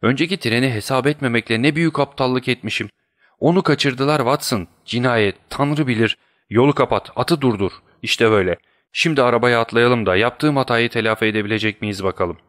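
A man reading an audiobook who voices a brisk, commanding male detective, raising his voice above his narration. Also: fairly low pitch, animated, fairly bright tone. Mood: alarmed.

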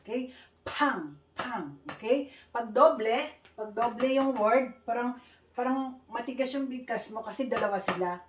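A woman's voice: on the high side, lively intonation, a little slow. A woman who speaks Tagalog as a first language, teaching Korean letters to learners, patiently repeating sounds and mixing in English. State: speaking carefully due to a tooth problem. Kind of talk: online language lesson. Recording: echoey room, faint hiss.

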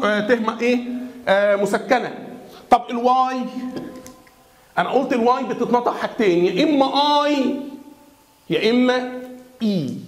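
A man with an Egyptian Arabic accent teaching English pronunciation in a classroom style. He keeps asking questions for the viewer to answer and slows down to spell words out. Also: sits high, echoey room. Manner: repeats questions and has the viewer answer back.

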